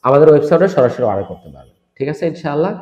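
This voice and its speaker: A man from Bangladesh teaching Quran reading, asking and answering his own questions in an energetic recorded lesson with spoken drills. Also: on the high side, racing, roomy sound, lo-fi sound.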